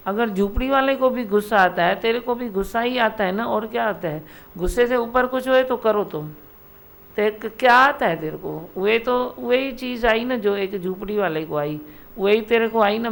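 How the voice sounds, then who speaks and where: A woman's voice: fairly high pitch, gravelly. A woman spiritual teacher giving a devotional satsang discourse, exhorting her listeners directly and repeating her points. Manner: repetitive exhorting, direct address. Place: satsang hall.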